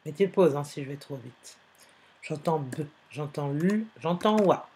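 Slow, careful woman teacher dictating. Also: deep voice, animated, a little mellow. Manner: slow, careful, repeats each word and spells it out. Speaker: primary school teacher. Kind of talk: dictation lesson for young pupils.

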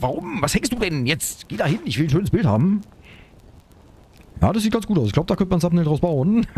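A man commenting on his own survival game play, excitable, talking to himself and his viewers. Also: on the high side, husky. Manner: excitable, talks to himself and viewers, frequent exclamations. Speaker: gaming YouTuber.

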